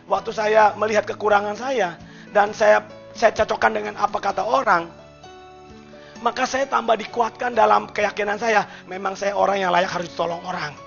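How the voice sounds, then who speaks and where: A man pastor preaching a sermon in a church, moving between loud calls to the congregation and soft, hushed passages. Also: high-pitched, little pitch movement, moderate pace, creaky, lo-fi sound, faint music behind.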